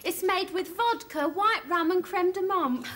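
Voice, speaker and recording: An actress playing a chatty, gossiping neighbour with colloquial speech in a studio sitcom. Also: female voice, very high-pitched, a little slow, sharp tone, exaggerated voice. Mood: gossipy.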